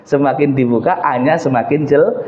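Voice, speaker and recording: A man with a Javanese accent giving a religious study talk as a preacher, drilling the sounds of letters slowly and deliberately. His voice swings high and low, recorded in a large hall. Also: a little mellow. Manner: slow and deliberate, voice rising and falling sharply. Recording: echoey hall, dull lo-fi sound.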